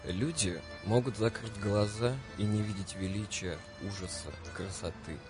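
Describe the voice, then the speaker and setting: Мужчина читает литературную цитату как подготовленный текст для радио. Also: male voice, lowish voice, moderate pace. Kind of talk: scripted dramatic reading of a literary quote. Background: clear music.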